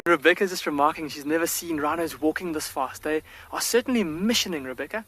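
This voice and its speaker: A man's voice: fairly high pitch, brisk, sharp tone. A man working as a field guide, giving live, enthusiastic wildlife commentary from an open safari vehicle and answering viewer questions. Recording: faint outdoor bush ambience.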